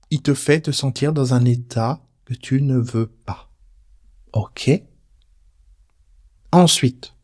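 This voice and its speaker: A man with a mid-range, darkish voice teaches personal development in a relaxed video format. He talks right to the viewer, keeping things light, informal and playful.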